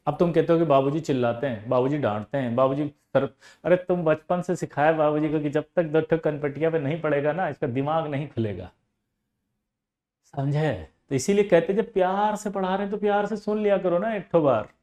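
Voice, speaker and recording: A man's voice: on the high side, brisk, darkish tone. A male chemistry coaching teacher, lecturing, teasing and scolding students while explaining with examples. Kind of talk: classroom lecture.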